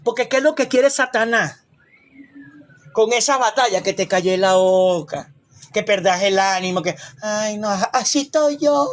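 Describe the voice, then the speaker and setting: A man's voice: high-pitched, fairly even intonation, moderate pace. A man preaching a sermon as a pastor, emphatic and repetitive, with rhetorical questions and asides.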